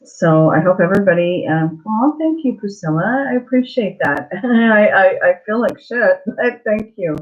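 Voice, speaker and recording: A woman hosting a casual live chat, greeting viewers haltingly and apologetically, her mouth swollen and slightly thick-sounding after dental surgery. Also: medium pitch, lively intonation. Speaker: livestream host. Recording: dull lo-fi livestream audio.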